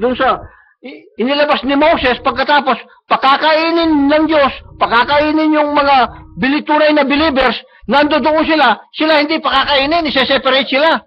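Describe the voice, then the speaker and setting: A man with a Filipino accent preaching a sermon, often checking in with the congregation and slowing down to stress quoted lines. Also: very high voice, steady tone. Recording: muffled live-stream recording.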